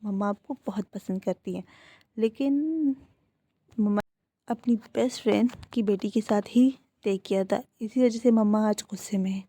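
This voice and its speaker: A woman's voice: medium pitch, steady tone, moderate pace, mellow, no room sound, lightly acted. A woman voicing a caring older brother figure. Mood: reassuring.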